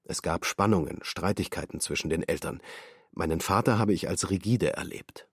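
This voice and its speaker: A man's voice: low-pitched, normal speed, slightly rough, dry recording, studio quality. An actor playing a male defendant in his thirties, giving clipped, terse testimony in a documentary radio drama.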